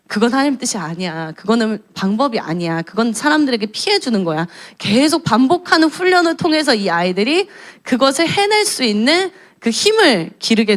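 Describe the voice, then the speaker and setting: Female junior pastor, 30s, candid conversational preacher, slightly high and animated voice. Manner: candid, storytelling tone. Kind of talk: conversational sermon.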